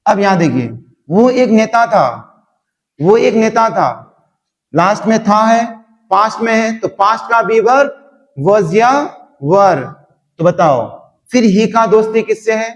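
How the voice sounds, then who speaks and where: A man teaching a spoken English lesson, repeating words over and over as he drills his class. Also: sits high. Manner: slow, repetitive drilling. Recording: long hall reverb.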